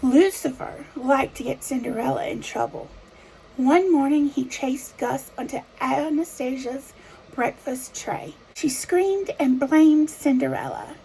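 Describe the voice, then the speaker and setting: High, creaky woman telling a fairy tale. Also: dark tone, slight background noise, low-quality recording. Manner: fairy tale opening storytelling, measured and simple for small children. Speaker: storyteller. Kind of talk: children's story read-aloud narration.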